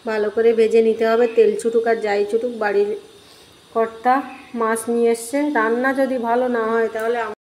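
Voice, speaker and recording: A middle-aged woman, hoarse from a cold, chatting homely to viewers as she cooks fish in her kitchen. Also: fairly high pitch, level tone, a little fast, darkish tone, slight background noise. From Bengal. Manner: chatty, homely, talks to viewers while cooking. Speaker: cooking vlogger. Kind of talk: casual cooking commentary. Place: home kitchen.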